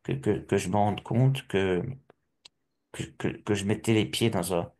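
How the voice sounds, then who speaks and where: A middle-aged man from Alsace giving a personal testimony, halting and restarting often with repeated words. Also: sits low, fairly even intonation, a little mellow. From Alsace, France.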